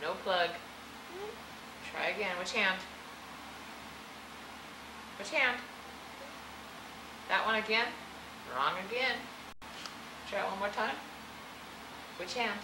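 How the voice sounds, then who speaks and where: A woman's voice: mid-range voice, slow, pauses often, reverberant, noisy background. A woman coaxing and playfully questioning her toddler during a family home video, heard on old camcorder audio. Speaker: mother filming with her children.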